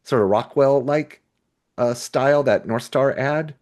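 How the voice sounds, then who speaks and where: A man with a medium-pitched, darkish voice co-hosts a podcast, talking unhurriedly in a casual, unscripted discussion of a book chapter. He's hesitant and rambling, thinking aloud as he goes.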